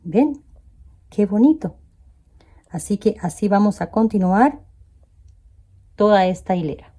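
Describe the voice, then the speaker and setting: Teaching crochet step by step, a woman counts her stitches aloud and addresses viewers directly with "¿ven?" to check in. Her medium-pitched voice is mellow with a breathy edge, lively in intonation but a little slow.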